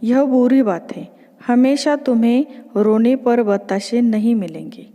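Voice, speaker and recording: A woman voicing a stern, quick-tempered queenly night lady who scolds children. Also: on the high side, mellow, in a large hall, lightly acted. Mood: scolding. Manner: scolding, commanding.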